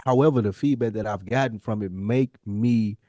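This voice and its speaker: A warm, lowish voice belongs to an American man hosting a podcast, speaking at a moderate pace in a casual, reflective talk with his co-host. He comes across earnest, emphatic and rambling, with slang and swearing, in a dry, studio-quality recording.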